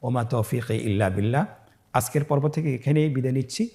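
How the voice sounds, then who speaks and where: A man teaching Arabic letter spelling with vowel marks, drawing out each syllable slowly and then explaining calmly to viewers. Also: medium pitch. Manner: slow, drawn-out syllables when spelling words aloud; calm explaining tone, addressing viewers directly. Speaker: Quran reading teacher. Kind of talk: step-by-step spelling drill lesson.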